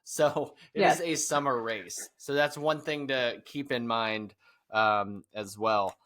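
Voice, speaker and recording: A man hosts a running podcast in a casual, interview style. His pitch sits in the middle of the range. He asks his questions haltingly, with uhs and restarts, then opines at length. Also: steady tone, a bit bright. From Ohio. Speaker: podcast host.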